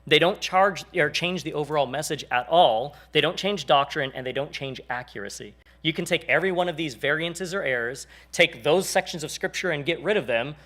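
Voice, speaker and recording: A man in his forties leads a church class, speaking in a relaxed, joking way. His voice sits a bit high for a man. He slips into little acted voices when he quotes people. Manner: animated, jokey, acts out quoted people. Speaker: church teacher. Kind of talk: casual teaching talk.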